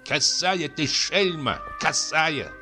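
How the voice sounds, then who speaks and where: A man's voice: expressive, music in the background. Man playing a pompous, preachy landowner. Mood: indignant. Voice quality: high drawn-out tenor. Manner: preachy, drawn-out, scolding. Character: pompous, sanctimonious landowner gentleman scolding a peasant.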